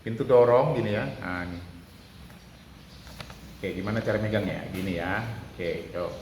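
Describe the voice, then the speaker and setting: A man's voice: fairly low pitch, moderate pace, background noise. A man giving a casual sermon, explaining with a drawn illustration, repeating phrases and acting out quoted lines. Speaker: preacher. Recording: echoey room with long reverb, faint ambience.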